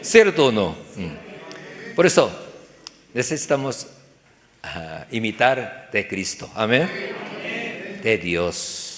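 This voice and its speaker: A man's voice: lowish voice, big pitch swings, slow, pauses often, long reverb tail. A man preaching a sermon in simple, broken phrases, asking rhetorical questions and acting out little dialogues. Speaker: pastor. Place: church.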